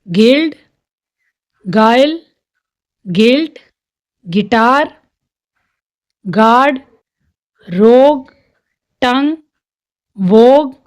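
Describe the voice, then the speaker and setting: A woman's voice: fairly high pitch, darkish tone. A woman teaching a lesson, explaining rules and then reading lists of example words, stressing each word. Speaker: English pronunciation teacher.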